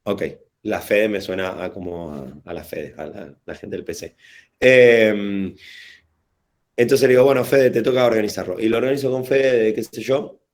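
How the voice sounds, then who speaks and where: Man, Rioplatense accent, lowish voice, relaxed slangy workshop talk, video call. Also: measured pace. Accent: Rioplatense Spanish. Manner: casual, digressive, slangy, hesitant restarts. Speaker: workshop facilitator. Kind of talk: informal online workshop talk.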